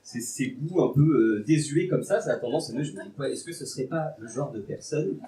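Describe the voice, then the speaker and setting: Nervous young stand-up comedian. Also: male voice, medium pitch, brisk, warm tone. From Bordeaux, France. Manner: nervous, rambling, self-mocking. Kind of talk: live stand-up set. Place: live comedy venue with audience. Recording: echoey venue from far mic, noisy.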